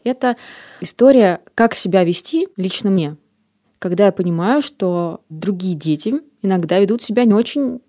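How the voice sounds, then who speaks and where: Woman, 30s, podcast host, reflective storyteller, mellow dry voice. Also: medium pitch, no echo. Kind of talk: casual podcast chat.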